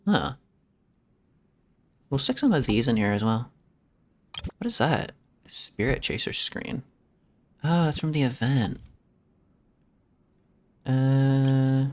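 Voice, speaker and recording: A male VTuber streams a game, rambling to himself in casual commentary and giggling often. His mid-range voice is expressive and a little mellow, moving slowly with long pauses.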